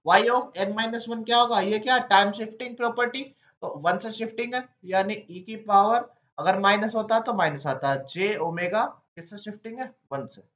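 A man's voice: high voice, normal speed, a bit bright, roomy sound, dull audio. A man teaching an exam-prep lesson, walking through each step by asking himself questions and then answering them.

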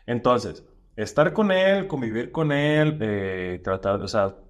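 Slangy comedian with a lively voice. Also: male voice, mid-range voice, slow. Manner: slangy and animated, with lots of fillers. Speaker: stand-up comedian guest. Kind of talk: casual podcast chat.

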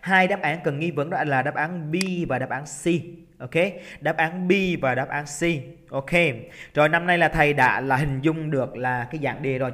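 A Vietnamese man teaching an English exam-prep lesson. He is lively and coaxing, drags out words slowly to show the stressed syllable, and keeps checking in with his students. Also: fairly high pitch. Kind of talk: exam-prep lesson, explaining test answers. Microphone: computer recording while drawing on screen.

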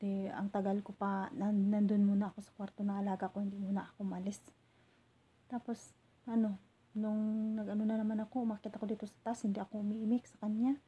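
A woman from the Philippines telling a hurtful story from her job as a domestic helper, in a halting way with many restarts. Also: medium pitch, flat delivery, slightly rough, narrow, tinny audio. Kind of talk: emotional personal storytelling.

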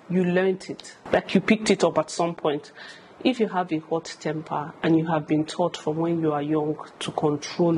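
A Nigerian-accented woman in her thirties, a vlogger, answers viewer questions with candid, emphatic advice delivered to camera, repeating phrases for stress. Her voice is low with a darkish tone. She's indoors in a furnished home room, and the recording is poor with slight background noise.

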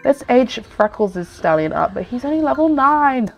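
Hosting gameplay commentary, this woman sounds congested with a cold, her fairly high voice nasal and blocked-up, with a creaky edge. She's very animated and talks at a normal speed, chatting casually in a rambling, self-interrupting way. The audio is dull, with faint music in the background.

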